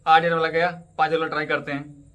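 A cricket ticket update YouTuber in his thirties speaks fast and chatty into a close webcam, his high, bright voice still monotone. Indoors before a green screen stadium backdrop, he goes through app steps one at a time in a casual tutorial vlog. He keeps circling back to plug his channels.

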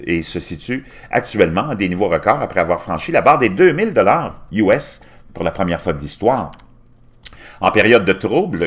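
A middle-aged man hosts his own channel, reading news articles aloud and slipping in his own asides, often stumbling and restarting words. His voice is low-pitched and a bit bright. The recording comes from a desktop mic in a small room at home.

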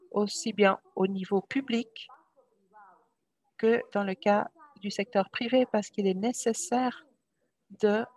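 A woman from Cuba giving a formal, measured talk as a panel speaker. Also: mid-range voice, a little mellow.

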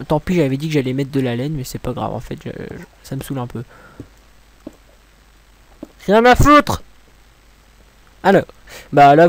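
A man's voice: mid-range voice, darkish tone. A young man from France giving a casual, rambling game tutorial commentary, mocking himself and swearing when things go wrong. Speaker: gaming tutorial creator.

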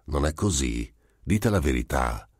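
A man reading the part of a sly, composed gentleman who probes with smooth, falsely apologetic questions. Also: very deep voice, lively intonation, unhurried, no room sound, studio quality, exaggerated voice.

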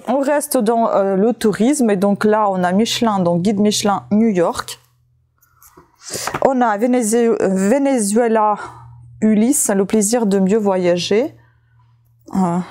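Slow, soft-voiced woman listing books. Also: fairly high pitch. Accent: French-speaking with a non-native accent. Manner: slow, hesitant listing with many fillers. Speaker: vlogger showing found books. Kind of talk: casual haul video chat.

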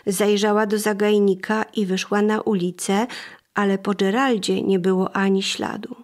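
Female audiobook narrator, even and measured, mid-range voice. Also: mid-range voice. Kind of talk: scripted narration.

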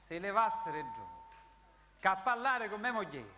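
A man's voice: high voice, wildly swooping pitch, normal speed, bright, forceful tone, full character voice. A man as an insistent Sicilian mayor. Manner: insistent, pleading. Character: exasperated mayor calling his wife home. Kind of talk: comic sketch acting. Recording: reverberant hall.

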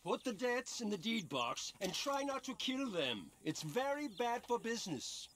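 An actor playing a calculating, callous moneylender in a Western video game, with a German accent and a precise, formal, unctuous manner. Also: male voice, extremely high pitch, sing-song, a little slow, full character voice. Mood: businesslike, callous. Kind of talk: video game drama acting.

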